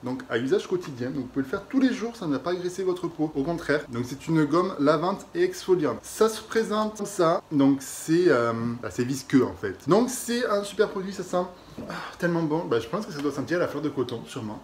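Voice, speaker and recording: A young French man chatting casually through a beauty product review vlog, expressive and quick to exaggerate and laugh. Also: fairly high pitch, slight background noise. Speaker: beauty vlogger.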